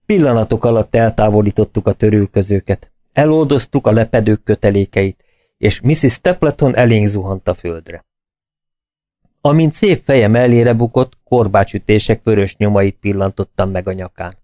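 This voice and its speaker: A man narrating an audiobook in a steady, measured storytelling manner. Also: on the low side, no room sound.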